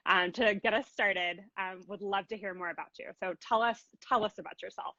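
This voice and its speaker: A woman's voice: mid-range voice, fairly even intonation, moderate pace, bright, forceful tone, dry recording, highs cut off. A woman hosting a video interview series, upbeat, with frequent fillers. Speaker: interview host, company CEO.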